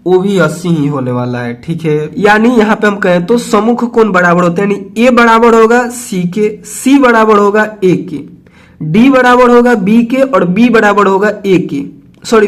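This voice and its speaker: Patient male math tutor, high-pitched, repeats points and checks in after each step. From Bihar, India. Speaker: math teacher. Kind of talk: explaining a school math lesson.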